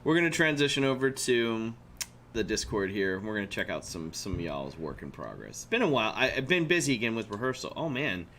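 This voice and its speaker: A man's voice: on the low side, lively intonation, a little fast, fairly bright tone, slight background noise. A man hosting a casual live stream, rambling with many fillers and restarts. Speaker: streamer host.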